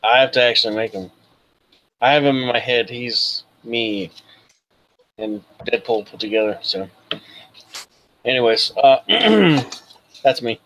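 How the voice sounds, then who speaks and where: A man's voice: medium pitch, lively intonation, measured pace, pauses often, a bit bright, rough recording. A man introducing his tabletop character in casual, rambling, jokey chat. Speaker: guest game master and player.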